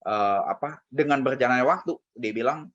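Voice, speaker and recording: Husky casual motivational speaker man. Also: medium pitch, moderate pace, a bit bright. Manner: casual, conversational, frequent fillers. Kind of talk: motivational talk with personal story. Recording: dull lo-fi recording.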